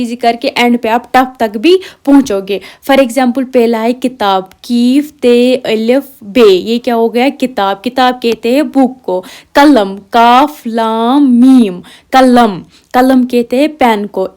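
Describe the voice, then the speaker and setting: A young woman with a slightly high voice gives an exam-preparation lesson. She spells words out letter by letter, repeats them patiently and slips English words into her explanations. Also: darkish tone. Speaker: Urdu language teacher.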